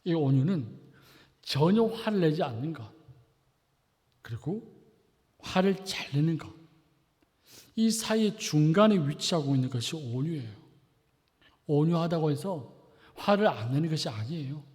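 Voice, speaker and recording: A man preaching a sermon as pastor, asking the congregation rhetorical questions and swinging between loud and soft. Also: fairly high pitch, lively intonation, measured pace, long pauses. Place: church sanctuary. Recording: long reverb of a church hall.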